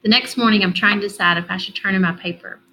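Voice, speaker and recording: A woman reading a first-person children's novel aloud in a steady, expressive voice. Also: mid-range voice, fast, slight background noise, rough recording.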